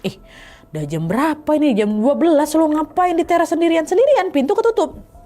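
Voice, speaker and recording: Fast, animated woman telling a horror story. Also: high voice, faint music behind. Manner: chatty, dramatic, addresses listeners directly. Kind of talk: casual spoken horror storytelling.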